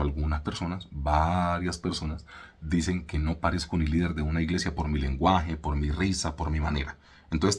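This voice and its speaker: A man with a Colombian accent giving a casual sermon teaching as a church leader, colloquial and laid-back, slowing down to stress his points. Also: sits low, slightly rough. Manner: laid-back, colloquial, mimics voices, slows for emphasis.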